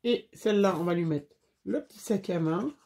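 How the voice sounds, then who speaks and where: A woman's voice: medium pitch, lively intonation, moderate pace, darkish tone. A woman chatting casually to viewers while making a scrapbooking craft, with frequent fillers.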